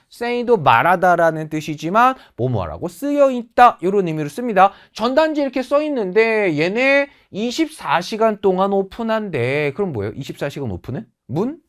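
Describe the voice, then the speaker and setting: A woman teaching a TOEIC English class in Korean with Korean-accented English phrases, acting out quoted dialogue in exaggerated tones. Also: fairly low pitch. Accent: Korean, with English example phrases. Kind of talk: lively lecture.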